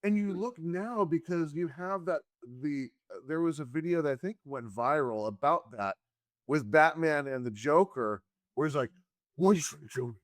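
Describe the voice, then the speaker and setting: A man's voice: fairly high pitch, moderate pace, no echo, clean studio sound. A man in his forties co-hosting a casual movie review podcast, rambling and acting out lines from the films. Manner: rambling, quotes scenes in put-on voices. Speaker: podcast co-host.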